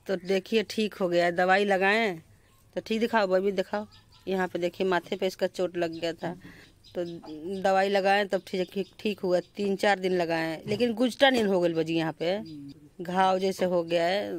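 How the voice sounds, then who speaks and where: A woman vlogger, chatting to viewers and coaxing a puppy in soft baby talk, with sudden sharp scolding calls. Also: medium pitch. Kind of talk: casual home vlog.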